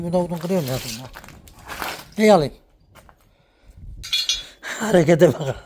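A man's voice: high voice, darkish tone, slight background noise. A man filming a casual village vlog outdoors, chatting and calling to his animals. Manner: coaxing animals with calls and teasing. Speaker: village vlogger.

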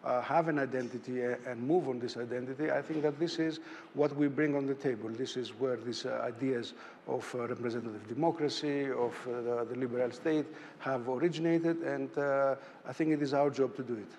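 A man's voice: mid-range voice, fairly quick, a little mellow, slight background noise. A man speaking as a panelist, hesitant and full of fillers. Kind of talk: panel discussion. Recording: reverberant hall with faint ambience.

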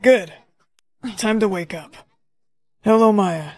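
An actor playing a cold crime boss who taunts and threatens a captive in a short drama skit. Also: male voice, high-pitched, slow. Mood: menacing. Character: menacing male crime boss, cold and mocking.

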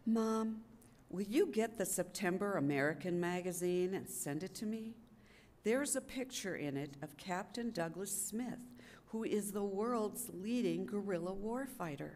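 An older woman with a mid-range, darkish voice reads a wartime letter aloud as a readers theater performer, animated but measured in pace. She speaks into a gooseneck podium microphone in an indoor public gallery event room. The live room recording is clearly noisy.

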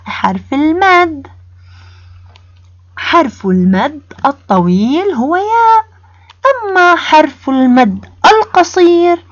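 A woman teacher leading a first-grade reading lesson, sounding out letters slowly and praising the class, with a Jordanian Arabic accent. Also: high voice, dry recording, lo-fi sound. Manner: slow, drawn-out sounding of letters with call-and-response praise.

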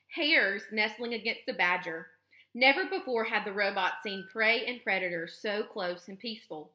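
A woman, a teacher, reading a children's book aloud with expressive, steady storytelling. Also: a little high. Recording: roomy echo.

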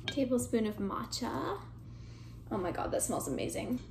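A woman's voice: medium pitch, very animated, normal speed, vocal fry, darkish tone, slight background noise. A woman chatting casually in a home vlog, playful and self-deprecating as she talks through her day. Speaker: vlogger. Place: at home, bedroom and kitchen.

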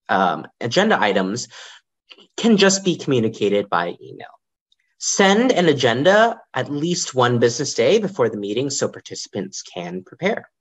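Young man with a lively, varied delivery. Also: on the high side, slightly rough. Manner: lively, varied intonation, occasional ums. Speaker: librarian giving a conference talk. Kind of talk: prepared lightning talk presentation.

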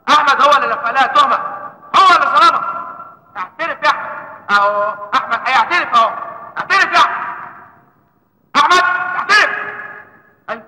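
An actor playing a deranged, tormented man in an Egyptian film melodrama, speaking Egyptian Arabic haltingly and obsessively repeating his words. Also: fairly high pitch, sharp tone. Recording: echoey hall with long reverb.

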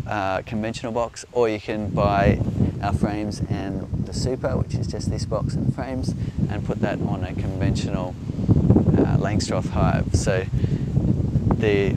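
A middle-aged Australian man explaining things off the cuff in a measured, halting way, recorded outdoors. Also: on the low side, steady tone. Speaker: beekeeper, presenter answering viewer questions. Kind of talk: unscripted explainer talk. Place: outdoors on an open grassy hillside. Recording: outdoor recording with loud background noise.

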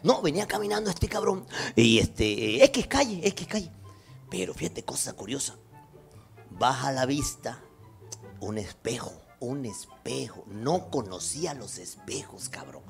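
Loud, profane Mexican man joking. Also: medium pitch, very animated, a little slow, gravelly, faint music behind. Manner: loud, profane, swings from shouts to mutters. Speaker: comedian host. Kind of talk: casual joke telling.

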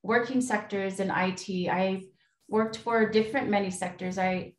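A woman's voice: mid-range voice, steady tone, normal speed, distant mic. American woman, echoey video-call room. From Pueblo of Isleta, New Mexico, USA. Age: 30s. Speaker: guest speaker. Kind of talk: informal personal talk to an online group. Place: small home room indoors, on a video call.

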